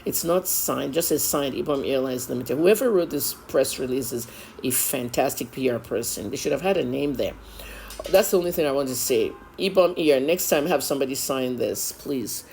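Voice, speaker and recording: A woman's voice: very deep voice, animated, moderate pace, vocal fry, darkish tone, a little hiss or hum. A middle-aged woman with a Nigerian accent giving opinionated news commentary as a journalist, emphatic, blunt and scolding.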